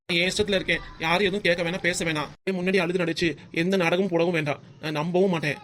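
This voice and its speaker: Someone doing a sulky cartoon husband, mid pitch, talks quick, brushes everyone off. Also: fairly even intonation, fairly bright tone, slight background noise, close to an everyday voice. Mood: dismissive. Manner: blunt, dismissive. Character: stubborn, sulking husband and father. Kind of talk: cartoon comedy voice acting.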